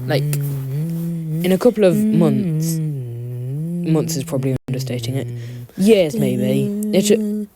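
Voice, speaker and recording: A woman's voice: low-pitched, animated, takes it slowly, pauses often, a loud crowd. A woman with a sore throat giving casual, chatty, joking commentary as she narrates her own drawing video. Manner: joking, self-deprecating asides.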